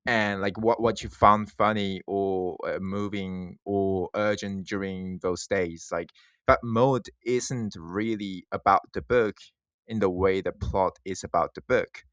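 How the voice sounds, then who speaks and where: A man with a low voice talks through his thoughts in an informal video monologue. The sound is dry and close, and his phrasing is halting, often restarting as he thinks aloud. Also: steady tone, fairly bright tone, no room sound. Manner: hesitant, halting phrasing with repeated false starts. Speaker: video essay creator. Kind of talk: informal reflective monologue to listeners.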